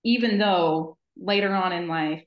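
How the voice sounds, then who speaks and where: A woman in her thirties makes her points with earnest emphasis, her voice sitting on the lower side. She joins over a video call from a home office, and the sound carries a noticeable room echo. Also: a little slow, muffled recording. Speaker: podcast co-host. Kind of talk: casual conversational chat.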